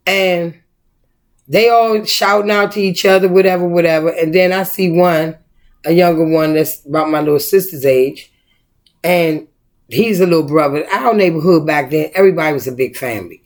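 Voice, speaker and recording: A woman's voice: on the low side, normal speed. A middle-aged woman, a mother co-hosting a casual family chat, talking emphatically and asking rhetorical questions like a preacher. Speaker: mother and co-host.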